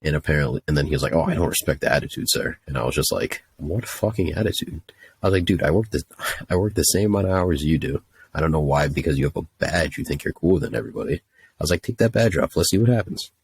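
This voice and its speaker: A man's voice: very deep voice, fast talker, vocal fry, breathy edge. A young man telling a story casually, ranting in an exasperated, profane way. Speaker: podcast host telling a story.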